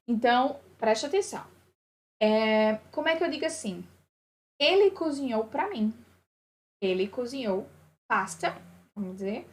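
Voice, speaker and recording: Woman teaching English, patient. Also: a little high. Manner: patient, repeats examples, checks understanding often. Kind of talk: online English lesson taught in Portuguese.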